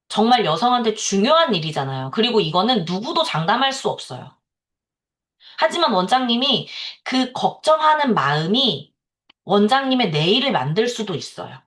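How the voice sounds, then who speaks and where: A woman's voice: on the high side, a bit bright. A woman in her thirties giving a lecture to salon owners, telling a personal story in a candid way and laughing often.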